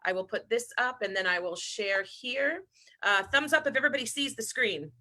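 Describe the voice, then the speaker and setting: A woman from New York leads a virtual keynote over a video call, playful and full of energy. Her voice is bright and forceful, and she jokes and rhymes her way into her topic. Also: on the high side, moderate pace. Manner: emotional, shaky voice at first, then lively and playful with rhymes. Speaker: keynote speaker.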